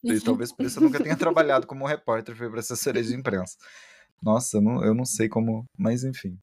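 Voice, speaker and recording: A man chatting as an interview guest, talking in halting bursts with many restarts and describing himself as shy. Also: medium pitch, lively intonation, a little mellow. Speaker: interview guest, book content creator. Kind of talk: casual interview chat.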